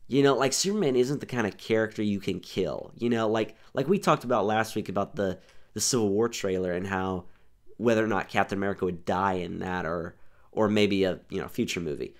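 A young man talks through a casual podcast chat, circling back with "here's the thing" and restarting sentences. His voice sits a little low. It keeps an easy, conversational flow. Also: brisk. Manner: rambling, restarts often, says "here's the thing". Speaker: podcast host.

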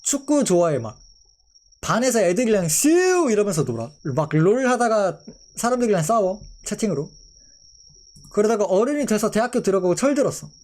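A man's voice: sits high, big pitch swings, fairly quick, a little mellow. A young man in his twenties, a streamer chatting casually with his viewers, playful and mock-outraged.

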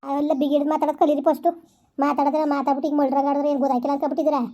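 A fierce young elder sister, played by a woman, rattling off rapid scolding lines. Her high voice has a mellow, darker tone. It is a protective, indignant village-skit role. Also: little pitch movement, natural voice.

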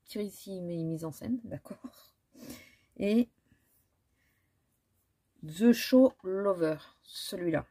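A woman's voice: medium pitch, takes it slowly, long pauses, mellow. A woman, chatting casually through a makeup haul with many fillers and restarts. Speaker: beauty vlogger. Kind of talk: casual haul chat with swatches.

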